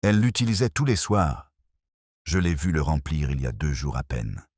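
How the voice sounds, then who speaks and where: Narrator reading a shaken young villager with a trembling voice, storybook mystery. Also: male voice, extremely low pitch, big pitch swings, normal speed, a little mellow, slightly rough, dry recording, clean studio sound, full character voice.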